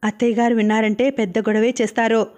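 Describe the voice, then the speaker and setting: A woman voicing a gentle, dutiful young wife who speaks politely and pleadingly. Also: a little high, little pitch movement, quick pace, natural voice.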